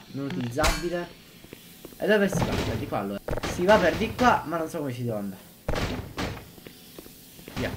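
A man, giving excitable gameplay commentary and often repeating his exclamations. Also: medium pitch. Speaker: gaming youtuber. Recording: loud background noise.

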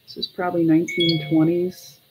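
Amid background noise, a middle-aged woman with a lowish, level voice sells vintage glass in a relaxed live online auction from a small home room. She fills the gaps between bids and prices with chat, unhurried and pausing.

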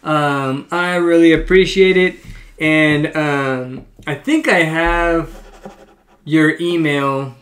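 A man's voice: a little high, steady tone, takes it slowly, a bit bright. A man hosting a casual live stream, talking hesitantly with lots of ums and restarts as he runs a sale. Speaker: live stream host selling coins.

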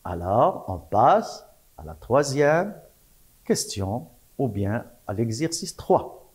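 A male primary teacher talks very slowly and patiently to small children, breaking words into syllables and saying each word again. His voice has a middle pitch but moves up and down a lot, giving each word a sing-song lift. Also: very animated, a little mellow. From Morocco. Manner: spells out syllables slowly, repeats words, praises often. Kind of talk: slow, patient French lesson for young children.

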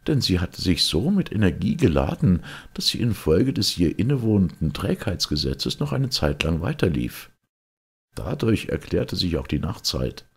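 A man voicing an excitable, gloomy male time traveller in an audiobook, speaking with raised, urgent insistence. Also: low voice, creaky, breathy edge, voice pushed up, heavily acted. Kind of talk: audiobook character reading.

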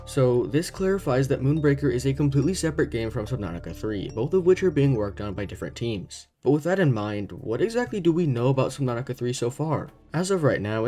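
A young man reading a scripted gaming video essay in a steady, explanatory way. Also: medium pitch. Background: faint background music.

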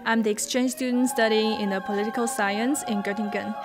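A woman's voice: a little high, fairly even intonation, a little fast. Young woman from Taiwan, cheerful. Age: young adult. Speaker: exchange student.

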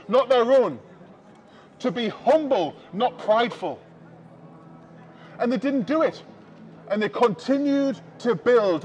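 Through a small headset mic, a Northern English man with a remarkably high voice delivers an outdoor sermon. He preaches loudly on a crowded shopping street, calling out to the people walking past.

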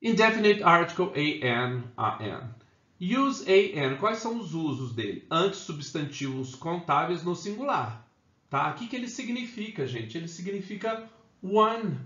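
A man's voice: a little high, big pitch swings, a little slow, bright, forceful tone. A man with a Brazilian Portuguese accent teaching an English class, casual and chatty, keeps checking in with his students. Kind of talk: casual online lesson. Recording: roomy, dull lo-fi sound.

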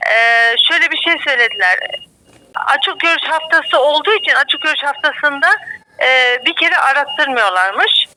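A woman speaking casually on a landline phone call, recounting and explaining events with hesitant pauses. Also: high-pitched, lively intonation, pushed and bright. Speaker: prisoner calling home by phone. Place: telephone call from prison. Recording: over a landline phone, faint noise.

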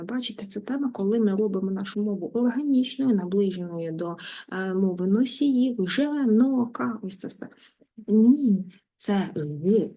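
Female language teacher with a relaxed, mellow voice who spells out German slowly before translating. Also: medium pitch. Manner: reads German phrases slowly, then translates. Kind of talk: language lesson.

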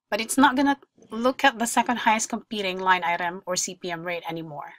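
A woman's voice: medium pitch, a bit bright, dry recording. Dry close-miked woman explaining step by step. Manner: explanatory, walks through examples step by step. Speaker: ad tech tutorial presenter. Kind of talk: screen-share tutorial voice-over.

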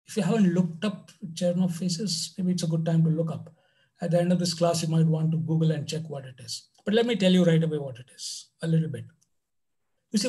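A high-pitched man teaches an online math class. He keeps it loose and conversational, dropping "you know" between points. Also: darkish tone, rough recording. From India. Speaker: lecturer.

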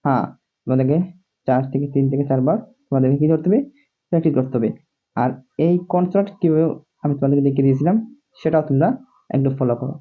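A man's voice: medium pitch, steady tone, fast talker, pauses often. Male tutor, lo-fi home lesson, repeats each word, keeps checking "see?". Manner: repetitive, drills words over and over; keeps asking "see?" to the viewer. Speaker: English teacher. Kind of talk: classroom-style video lesson. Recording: dull lo-fi recording.

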